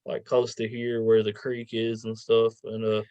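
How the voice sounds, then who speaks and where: Dull lo-fi audio, guy hosting a podcast, informal, halting, pretty dry sound. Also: lowish voice, monotone, warm tone, no room sound. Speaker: podcast host. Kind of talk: casual interview chat.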